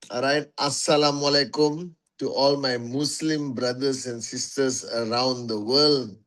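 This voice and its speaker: A man with a mid-range, fairly bright voice hosts a casual livestream for his network marketing followers on a phone mic. He greets viewers one by one as warriors and repeats phrases for emphasis.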